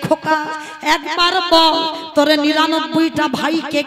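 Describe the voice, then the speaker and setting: A woman voicing an anguished royal mother, very high. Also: little pitch movement, measured pace, over loud music. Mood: pleading. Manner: insistent pleading, dramatic declamation. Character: anguished royal mother begging her dying son.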